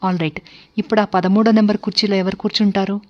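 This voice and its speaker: A woman's voice: medium pitch, little pitch movement, fast talker, lightly acted. A woman voicing a stern, cruel-edged wealthy man hosting a dinner, speaking curtly and with command. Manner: curt and commanding. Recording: dull lo-fi recording.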